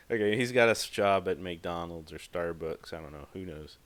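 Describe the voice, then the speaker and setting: A man hosting a podcast, talking casually in a rambling, emphatic way with lots of fillers. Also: low-pitched. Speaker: podcast host. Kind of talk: casual monologue.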